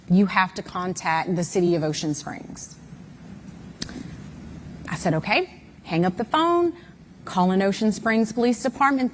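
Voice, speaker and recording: A woman's voice: fairly low pitch, slight background noise. A mother giving an interview guest's candid, emphatic account of events, with many fillers.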